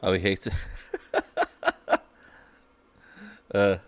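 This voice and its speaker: A man's voice: deep voice, normal speed, no room sound. A man casually commenting to himself while playing a game, offhand and muttering. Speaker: gaming streamer.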